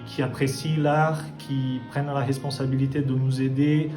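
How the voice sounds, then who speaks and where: A man's voice: mid-range voice, flat delivery, normal speed, dark tone. A Brazilian jazz musician, a man, answering interview questions thoughtfully, with frequent hesitations and restarts. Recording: echoey room with faint music.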